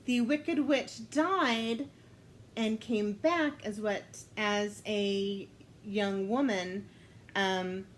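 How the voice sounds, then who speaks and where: A woman telling a story aloud while playing a storytelling card game, unhurried and thinking aloud, often breaking into laughter. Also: mid-range voice, poor audio. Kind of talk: casual storytelling game play.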